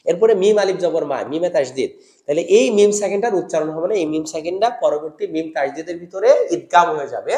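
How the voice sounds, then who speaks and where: A man teaching Quran recitation rules to teachers, explaining patiently and drawing out example words in slow chant. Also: a little high, mellow, reverberant. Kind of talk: tajweed lesson for teachers.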